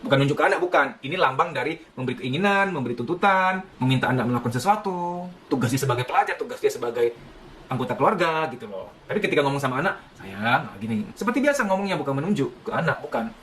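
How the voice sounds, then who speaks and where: A man giving a lecture on parenting, animated, often acting out what parents and children say. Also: a little high, racing, slight background noise. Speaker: psychology lecturer.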